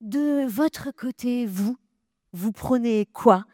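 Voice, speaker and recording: A woman's voice: on the high side, very slow, a little mellow, no room sound, clean studio sound. A woman moderating a debate, asking long questions with many filler sounds.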